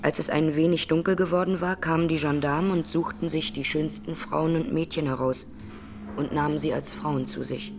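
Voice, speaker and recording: With a deep, fairly evenly intoned voice heard over music, an actress plays a grieving survivor of the Armenian massacre giving courtroom testimony in a radio drama. She delivers it plainly and solemnly in measured words, in a grave, sorrowful mood.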